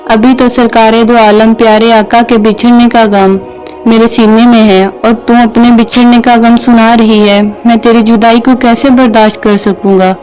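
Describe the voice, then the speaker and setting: A woman's voice: a little high, level tone, darkish tone, soft background music, natural voice, rough recording. A woman voicing a grieving husband. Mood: grieving, pleading. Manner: sorrowful pleading. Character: grieving devoted husband, man.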